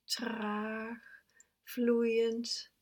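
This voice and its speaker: A woman guides a breathing meditation in a slightly high voice. She speaks extremely slowly and leaves long pauses. Her tone stays soft and calm, and now and then she sinks to a near whisper. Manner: slow, soft, calm instructions, at times sinking to a whisper.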